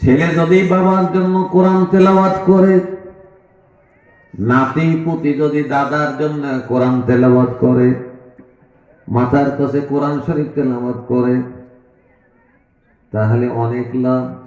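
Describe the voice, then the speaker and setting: A man's voice: medium pitch, fairly even intonation, slow pace, pauses often. A man from Bangladesh preaching an Islamic sermon to a crowd, addressing them directly and breaking into chanted recitation. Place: outdoor religious gathering. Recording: echoey loudspeaker sound, dull lo-fi.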